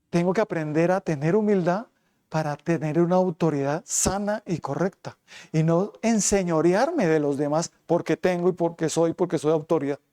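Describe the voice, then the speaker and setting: Preaching with emphasis, a man in the role of pastor hits his flock with rhetorical questions and moves between fast and slow stretches. His voice is high and warm.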